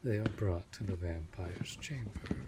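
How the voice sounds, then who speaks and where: Speaking to the listener in an immersive roleplay, a deep-voiced man takes the part of an ancient vampire who rules a manor with courtesy, possessiveness and protectiveness. He talks formally and slowly, with breathy tones that keep slipping toward a whisper, and he sounds composed and courteous. The recording carries loud background noise.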